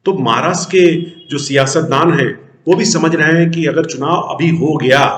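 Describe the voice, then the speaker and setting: A news show host with a mid-range, slightly bright voice delivers emphatic political commentary, asking rhetorical questions and answering them himself. The sound is roomy and echoing.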